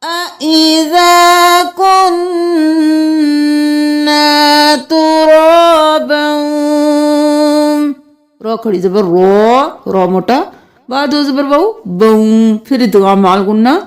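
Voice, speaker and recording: A woman's voice: darkish tone, faint music behind. A woman teaching Quran recitation, chanting verses melodically and explaining the rules. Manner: slow melodic recitation alternating with quick lower explanations. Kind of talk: tajweed lesson, slow recitation with explanations.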